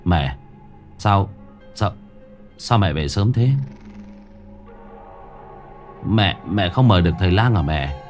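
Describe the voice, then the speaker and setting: A scared young man who stammers and repeats himself, his voice turning into raw shouted threats, as a male narrator acts him out. The voice is low and swings widely in pitch, with faint music behind. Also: expressive, unhurried. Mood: wary stammer. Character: frightened young man guarding his home.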